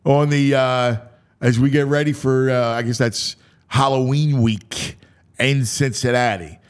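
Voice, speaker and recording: With a clear, resonant, mid-range voice, steady in tone and unhurried, an American sports talk show host dramatically breaks down a schedule. He delivers announcer-style theatrical proclamations alongside casual asides in an animated rundown.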